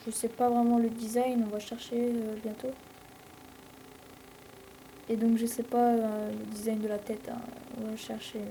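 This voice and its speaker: Jeune femme bavarde, voix douce. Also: female voice, a little high, warm tone, a little hiss or hum, poor audio. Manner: rambling, chatty, many fillers. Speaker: let's play host. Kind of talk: casual gameplay commentary.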